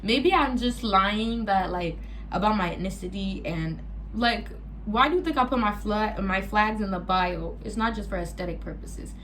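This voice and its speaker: A young woman, a native French speaker born in Gabon to Congolese parents, chatting casually through a get-ready-with-me Q&A vlog with animated asides. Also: medium pitch, moderate pace, slight background noise, poor audio. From born in Gabon to Congolese parents, raised partly in the US. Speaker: vlogger.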